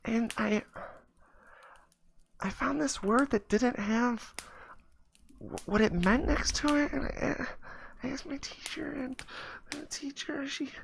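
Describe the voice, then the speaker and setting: A man's voice: fairly even intonation, fairly bright tone, slight background noise, heavily acted. A timid whispery little boy. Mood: scared, halting. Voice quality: high, breathy and whispery. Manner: halting, stammering, barely audible. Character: frightened five-year-old boy, timid and tiny.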